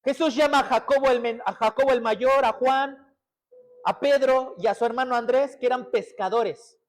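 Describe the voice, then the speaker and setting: A man preaching a sermon as pastor. He puts questions to the congregation and moves between urgent, stressed passages and hushed, intimate ones. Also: very high voice, normal speed. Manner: emphatic preaching with many rhetorical questions to the congregation.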